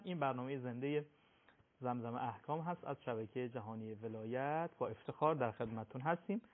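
A man hosting a live call-in show, asking short polite questions and giving brief acknowledgements. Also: medium pitch. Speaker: host. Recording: tinny phone-like broadcast sound.

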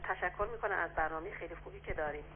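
A woman calling in to a radio show, asking questions hesitantly with many pauses and fillers. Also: fairly low pitch. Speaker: caller. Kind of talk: phone call-in question. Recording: tinny phone line with faint noise.

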